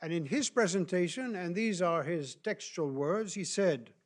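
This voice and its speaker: Slow, halting man from South America. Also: high-pitched. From Chile and Argentina. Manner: deliberate, halting with frequent fillers and restarts. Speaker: speaker on human rights law. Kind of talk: lecture presentation.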